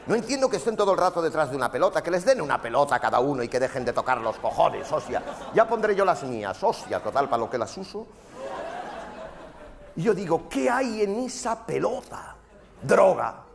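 A man performing a brash, foul-mouthed stand-up monologue on a theater stage, mimicking voices and breaking into shouts. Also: fairly high pitch, animated, quick pace. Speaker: stand-up comedian. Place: theater stage before a live audience. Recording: live stage recording with crowd and noise. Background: audience laughter.

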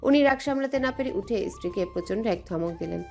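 Brief: female narrator, mellow warm tone, steady dramatic storytelling. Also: medium pitch, a little fast, gravelly, faint music behind.

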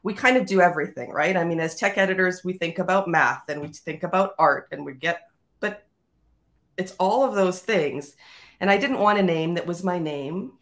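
A woman's voice: lowish voice, normal speed. A woman from Canada, chatting as a guest on a video call and telling stories with plenty of fillers. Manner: chatty, storytelling, many fillers. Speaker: guest, tech editor. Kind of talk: casual chat.

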